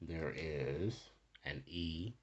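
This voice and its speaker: With a bass voice and drawn-out words, a male tarot reader hosts a casual card reading made up on the spot for the viewer, often asking short tag questions. The audio is dull, with slight background noise.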